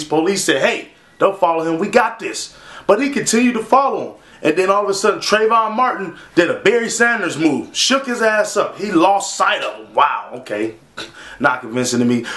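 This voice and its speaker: A man from Minnesota rants straight to camera in a casual, profane, sarcastic way. His voice sits a little high for a man. The room around him is noticeably echoey. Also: a bit bright. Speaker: vlogger. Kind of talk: casual ranting commentary.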